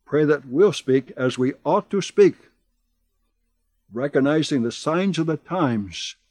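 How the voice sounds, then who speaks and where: A man preaching a radio sermon, earnest and exhorting, with slow emphatic pauses. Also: medium pitch, a little mellow, no room sound. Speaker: pastor.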